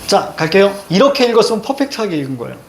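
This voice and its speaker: A man's voice: high-pitched, sing-song, very fast, a little hiss or hum. A man lecturing to a class, drilling students with rhetorical questions and short, emphatic commands. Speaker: Korean reading teacher. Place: classroom with a blackboard.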